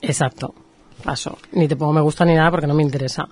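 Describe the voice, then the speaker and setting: A low-voiced woman from Spain, speaking with a Spanish accent and talking fast, is a marketing professional on a radio show. In this explanatory interview she walks through ideas patiently, using lively examples.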